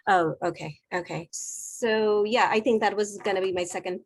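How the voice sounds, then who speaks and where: A woman's voice: medium pitch, fairly even intonation, normal speed. A woman asking polite, rambling questions in a casual conversation. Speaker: course participant asking questions.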